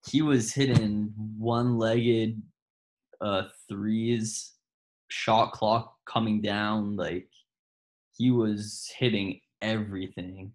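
A young man co-hosting a casual sports chat, relaxed and hesitant, with lots of fillers and slang. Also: fairly low pitch, takes it slowly. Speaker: co-host.

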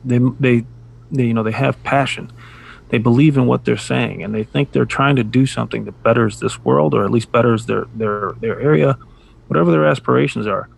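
Gravelly, husky man co-hosting a podcast. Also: medium pitch, a little fast. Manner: sarcastic, rambling with frequent restarts. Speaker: podcast co-host. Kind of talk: casual podcast chat.

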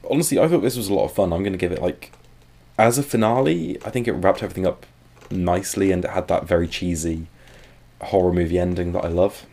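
Podcast co-host, man, very deep voice, rambling casual chat. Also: fast, dark tone. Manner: rambling, trails off mid-thought. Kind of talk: casual comic book discussion.

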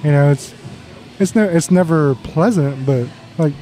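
A man's voice: a little high, a little slow, warm tone, soft background music. A man hosting a podcast on location at a brewery, chatty and stumbling over repeated words. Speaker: podcast host. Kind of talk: casual podcast chat. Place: brewery taproom.

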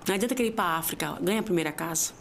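A woman telling her personal faith story as a podcast guest, heartfelt and sometimes tearful, dropping to near whispers and then rising to high, emphatic cries. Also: racing, a little hiss or hum. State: tearful at times. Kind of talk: emotional faith testimony.

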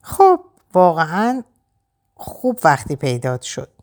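A woman's voice: sits low, huge pitch swings. A woman voicing a harried male bar manager who stammers and restarts his sentences. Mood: irritated.

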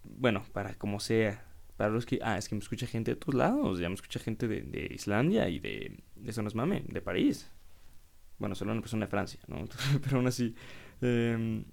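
A young man in his twenties with a Mexican Spanish accent, talking alone into his podcast mic. His voice sits fairly low and has a gravelly rasp, and he tells his stories in a lively, slangy way, swearing freely as he goes. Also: brisk. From Querétaro, Mexico. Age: 20s. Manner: animated, slangy storytelling with frequent swearing. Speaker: podcast host. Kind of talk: casual solo podcast monologue.

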